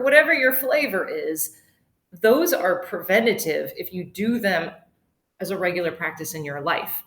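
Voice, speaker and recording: Brief: middle-aged woman, lowish voice, a chatty wellness webinar host who drifts into tangents. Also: a bit bright. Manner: chatty, digressive, laughs often. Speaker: yoga instructor and webinar host. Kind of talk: casual webinar talk. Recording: roomy echo.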